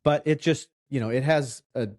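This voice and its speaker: A man, a loan officer, talking casually on a podcast and explaining his points with examples and quick asides. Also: mid-range voice, a little mellow.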